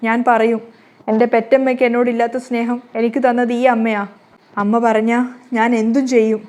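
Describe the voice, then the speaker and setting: A woman's voice: fairly high pitch, flat delivery, fairly quick, a little mellow, natural voice. A woman reading as a tearful pleading young woman. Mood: earnest. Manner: pleading, repeatedly calling out to her mother.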